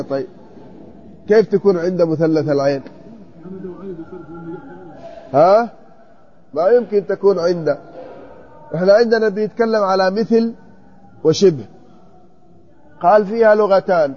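Man, classroom teacher, high-pitched, muffled lo-fi sound, probing questions. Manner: questioning, checks students' copies, repeats vowel forms slowly. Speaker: teacher of Arabic grammar. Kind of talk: classroom text study.

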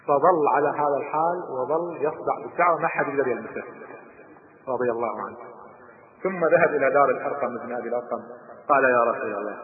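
A man telling a story as a preacher in a sermon, dramatic and rising to loud cries at the high points. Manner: dramatic, voices rise to shouts at climaxes. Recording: phone-line sound, reverberant hall, noise.

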